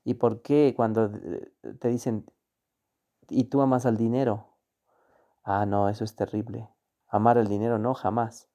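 A man's voice: lowish voice, flat delivery, measured pace, long pauses, mellow, lo-fi sound. A man teaching a course module on beliefs, speaking emphatically and repeating key words. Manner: emphatic, repeats words, acts out quoted voices. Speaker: course instructor. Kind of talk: motivational teaching on money beliefs.

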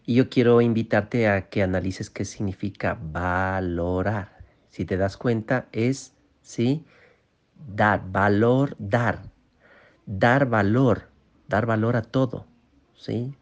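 Slow, coaxing male course instructor. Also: on the low side, dull audio. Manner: slow, repetitive, gently coaching with frequent "¿sí?" checks. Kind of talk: guided mindfulness lesson.

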